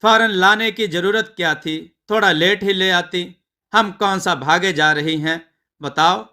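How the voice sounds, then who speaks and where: Male narrator as a simple, earnest village bride, light and bright-toned. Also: sits high, measured pace, full character voice. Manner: earnest, rustic village speech. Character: naive young village bride.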